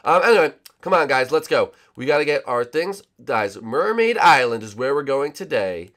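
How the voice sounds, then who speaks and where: A man plays out an improvised video game story. His pitch moves around a lot. He is casual and a bit bossy. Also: sing-song, moderate pace, fairly bright tone. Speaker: gamer performing a role-play. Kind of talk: improvised game role-play.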